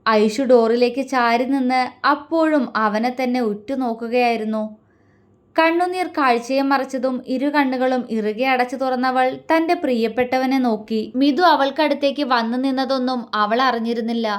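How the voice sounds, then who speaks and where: A woman storyteller reads a romance aloud in a soft, measured way. Her voice sits fairly high and stays unhurried. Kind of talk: scripted story narration.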